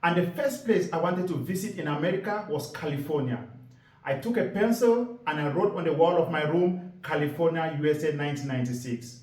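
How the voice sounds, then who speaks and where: A man in his forties speaks, his voice sitting a little high for a man. He tells his story earnestly and leans on key words. His voice comes from a distance and rings around a roomy space. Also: a little mellow. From Cameroon. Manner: earnest, storytelling delivery with deliberate emphasis. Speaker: environmental activist giving a presentation. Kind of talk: public presentation talk.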